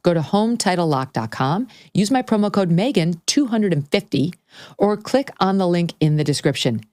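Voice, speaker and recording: A woman with a low, steady voice hosts an interview and reads ads. She asks brisk, direct questions. The sound is close and dry. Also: dry recording. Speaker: host.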